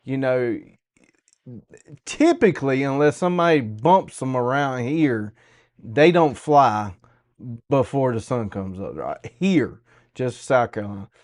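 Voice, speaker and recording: A man's voice: mid-range voice, expressive, unhurried. A man with a Southern US accent hosting a podcast, chatting casually in a folksy, colloquial way. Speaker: podcast host.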